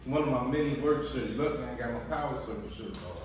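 A man's voice: mid-range voice, fast. A man co-hosting a family vlog, bantering playfully to the camera at the breakfast table with lots of restarts. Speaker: husband and co-host of a family vlog. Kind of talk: casual chat to camera. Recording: roomy echo, distant mic, faint noise.

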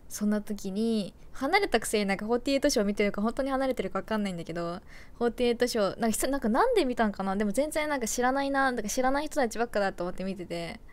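A young woman idol chatting casually on a livestream, rambling and giggly and correcting herself as she goes. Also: medium pitch.

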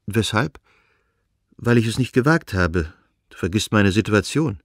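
A man's voice: lowish voice, expressive, a little slow, no echo, studio quality. A male reader voicing Anna, a young noblewoman who talks eagerly and tenderly about her own happiness, in an audiobook reading. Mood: confiding.

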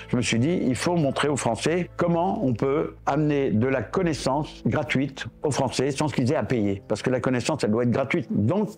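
A man in his seventies, a reptile keeper, giving a lively casual tour and coaxing his animals in a higher voice. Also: husky. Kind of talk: casual guided explanation.

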